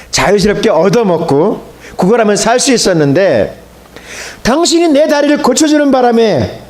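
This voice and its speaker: A man's voice: extremely high pitch, a little mellow, echoey room, pitched above the performer's own voice. A man preacher acting out a drunk, resentful man who was once lame, who complains and begs in a slurred way.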